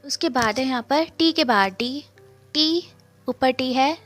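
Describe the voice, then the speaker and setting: This shorthand lesson is led by a woman with a high, fairly bright voice who takes her time. She goes through it step by step, repeating each sound and answering her own questions, with faint music playing behind her.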